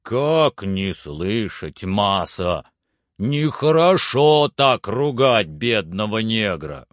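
A man reading aloud and voicing an older male servant who calls down from high up a tree in a plaintive, drawn-out way. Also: very animated, no room sound, studio quality, exaggerated voice.

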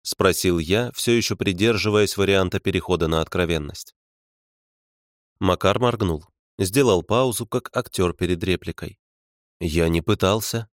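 A man with a lowish voice reads a first-person audiobook in a dry, wry way. The sound is dead and close, with no room around it. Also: normal speed, no echo. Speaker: audiobook narrator.

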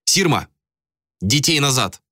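A man voicing a stern young male ruler who gives firm, hushed commands in an audiobook. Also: mid-range voice, big pitch swings, slow pace, no echo, clean studio sound, voice pushed up, exaggerated voice.

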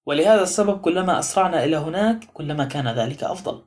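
A man's voice: fairly high pitch, lively intonation, rapid-fire, close to an everyday voice. A man reading the part of a small, fussy, confident male detective in an audiobook, in a coaxing, theatrical manner. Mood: sly, coaxing.

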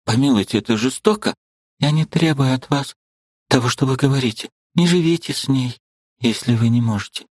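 A man reading an audiobook and voicing a sad, restrained young woman who speaks quietly, firmly and pleadingly. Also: mid-range voice, brisk, no room sound, studio quality, pitched above the performer's own voice, close to an everyday voice.

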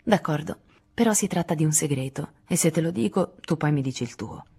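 Woman reading teasing teenage boy, bright and coaxing, a shade higher than her low husky voice. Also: lively intonation, fairly quick, heavily acted. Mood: playful. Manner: playful, coaxing.

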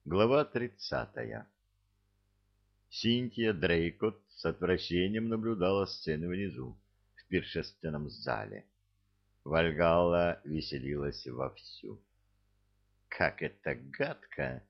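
A man reads an audiobook in a measured, dramatic storytelling manner. His voice is very low and gravelly, and he takes his time. The recording sounds dull and lo-fi. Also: very animated. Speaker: audiobook narrator. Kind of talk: audiobook reading.

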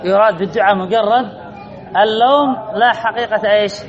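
A man's voice: sits high, brisk, dull audio. A man, a sheikh, teaching a classroom lesson, reading a phrase and then explaining it, repeating key words and putting questions to his students. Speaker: sheikh teaching Arabic morphology.

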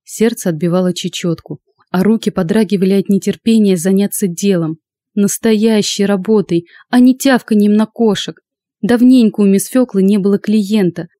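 A woman reads an audiobook in first person, with a warm, mellow tone and a dry, close sound. Her delivery is steady and even as she tells the story. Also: mid-range voice, normal speed, no echo. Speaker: audiobook narrator. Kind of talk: first-person fiction narration.

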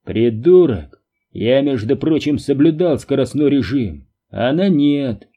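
A rude, mocking, stout red-bearded man past middle age, put on by a male reader, sneers through a husky, dark voice. His lines swing up and down in pitch. The audiobook recording is dull and lo-fi. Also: lively intonation, measured pace.

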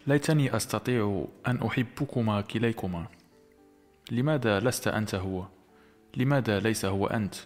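A man reading the lines of an emotional young woman in an audiobook, in his own low voice with an earnest, pleading manner. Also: natural voice.

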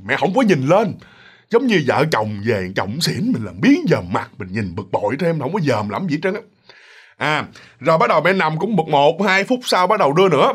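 A man tells a ghost story in a relaxed, chatty way, with a Southern Vietnamese accent. His voice sits a little high for a man. He often turns to his listeners and acts out the creaks and sounds of the tale. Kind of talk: casual ghost story narration.

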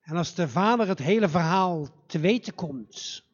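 Guy telling a fairy tale in a church, slow and dramatic, husky voice, dull muffled sound. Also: sits high. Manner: slow, dramatic, animated storytelling. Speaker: storyteller.

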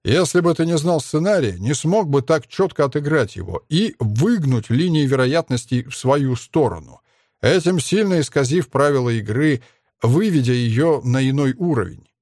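A man voicing a calm cunning star dog. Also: medium pitch, dry recording, clean studio sound, pitched above the performer's own voice, lightly acted. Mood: lecturing. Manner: calm, measured, lecturing. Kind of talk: audiobook character reading.

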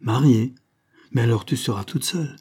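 A man voicing a worried, resigned middle-aged mother in a storybook reading, asking gentle questions in a slightly raised voice. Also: medium pitch, moderate pace, voice pushed up, natural voice.

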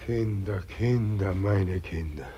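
An actor playing a weeping old god whom nobody believes in anymore, in a vintage radio play. He sounds gravelly and plaintive. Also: sits low, slow pace, dark tone, dull audio, heavily acted. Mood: lamenting. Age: older. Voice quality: gravelly, husky, tearful and plaintive. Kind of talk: 1940s radio acting.

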